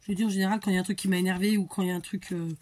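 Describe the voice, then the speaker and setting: A woman's voice: medium pitch, little pitch movement, rapid-fire, background noise. A woman hosting a crafting tutorial, chatting casually and thinking aloud, muttering to herself as she works.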